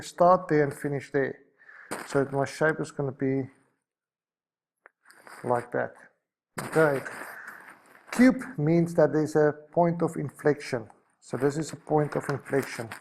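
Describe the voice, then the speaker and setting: A man's voice: fairly high pitch, vocal fry, darkish tone. A man teaching a maths lesson, talking through each step as he sketches a graph and correcting himself as he goes.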